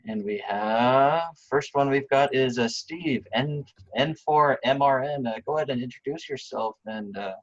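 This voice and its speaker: A man's voice: medium pitch, measured pace, hardly any pauses. A man running a club meeting on a video call, casual and with many fillers. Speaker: club vice president. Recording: muffled video call audio.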